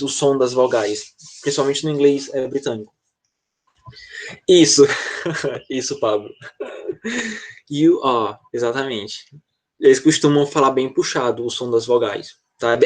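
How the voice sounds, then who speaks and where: A man with a Brazilian Portuguese accent teaching an online class to children, explaining patiently and checking in often over a video call. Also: medium pitch. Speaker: English teacher.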